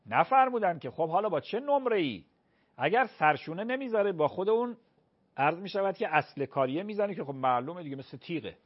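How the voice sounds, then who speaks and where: A man who is a cleric answering callers' religious questions on a call-in show, speaking slowly and deliberately and repeating phrases to teach them. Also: high voice, dull audio.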